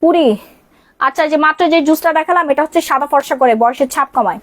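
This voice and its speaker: High-voiced fast-talking Bangladeshi saleswoman. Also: no echo. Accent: Bangladeshi Bengali. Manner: rapid-fire sales pitch, repeats prices and calls to order. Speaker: live sales host. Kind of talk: live-stream product selling. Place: shop or stockroom during a live stream.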